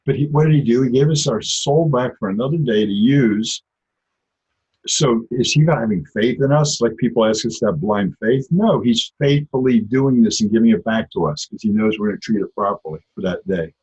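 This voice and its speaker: Husky-voiced man teaching a religious class. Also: medium pitch, moderate pace, a little mellow. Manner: conversational, tells personal stories. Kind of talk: informal religious lesson. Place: lives in Israel. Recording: dull lo-fi recording.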